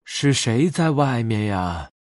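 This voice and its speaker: A man voicing a kindly old grandmother bear in a bedtime story, speaking softly and tenderly. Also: medium pitch, sing-song, takes it slowly, dry recording, studio quality. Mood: softly puzzled. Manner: soft-spoken, gentle, tender.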